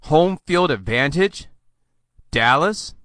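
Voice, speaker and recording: A man's voice: fairly high pitch, animated, slow pace, fairly bright tone, no room sound. A man hosting a podcast, ranting sarcastically with theatrical mock outbursts. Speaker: podcast host. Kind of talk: sarcastic solo podcast rant.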